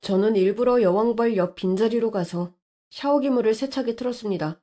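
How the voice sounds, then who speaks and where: A woman narrating a scripted story in an expressive, lively way. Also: a little high, fairly quick.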